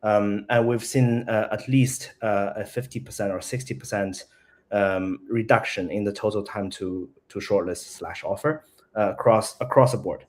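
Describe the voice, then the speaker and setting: A man, a company CEO, speaking as an interview guest in a casual, halting way, restarting his sentences often. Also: on the low side, fairly even intonation, darkish tone.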